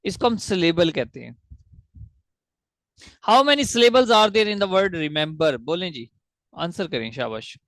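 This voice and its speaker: A man teaching an online English grammar class, explaining step by step, slowly spelling out syllables and asking the class questions. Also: high voice, animated, a bit bright, no room sound.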